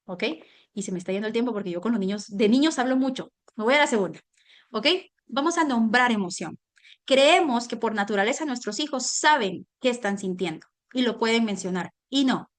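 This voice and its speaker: A woman's voice: fairly high pitch, a little fast. A woman giving a parenting lecture, talking straight to the parents and checking in with them often. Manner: animated, addresses parents directly with frequent check-ins. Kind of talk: online parenting talk.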